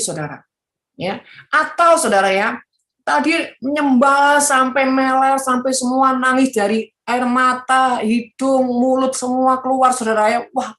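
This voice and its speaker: Animated woman preaching in an echoey room. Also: fairly high pitch. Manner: animated, mocking quoted voices, frequent asides. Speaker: evangelist preacher. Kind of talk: sermon.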